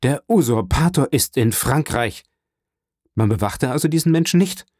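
A man voicing an indignant aging French king in an audiobook reading, asking sharp, imperious questions. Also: mid-range voice, moderate pace, no echo, studio quality, close to an everyday voice.

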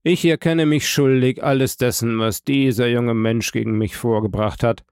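A man voicing a shattered middle-aged male prosecutor in an audiobook, speaking in a low, pressed, strangled voice. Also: steady tone, moderate pace, darkish tone, smooth, no echo, clean studio sound, close to an everyday voice. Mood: crushed.

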